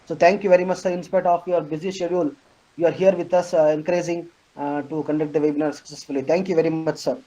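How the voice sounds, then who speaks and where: A man, a professor giving a formal, halting vote of thanks over a video call. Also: fairly high pitch, steady tone, dark tone, muffled recording. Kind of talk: formal webinar speech.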